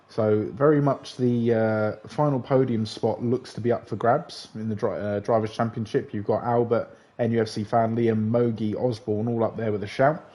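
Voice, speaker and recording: London man, mellow banter. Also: medium pitch. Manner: chatty, jokey banter with co-host. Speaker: race commentator. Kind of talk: live sim-racing commentary.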